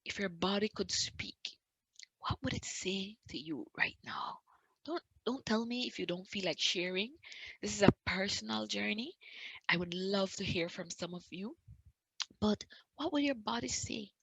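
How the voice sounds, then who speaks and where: Woman doing a slow motivational wellness talk, bright voice, says things over and over, gets loud then goes almost whispery, dry sound. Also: mid-range voice, creaky, breathy edge, dry recording, rough recording. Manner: emphatic, repeats phrases, swings from loud urging to soft near-whispers. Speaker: wellness speaker. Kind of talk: motivational talk to a live online audience.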